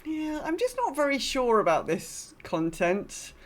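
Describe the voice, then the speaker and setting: A woman co-hosting a podcast casually recaps her time in an online game, keeping things understated and conversational. Her voice sits high, swoops wildly in pitch, and moves a little slowly.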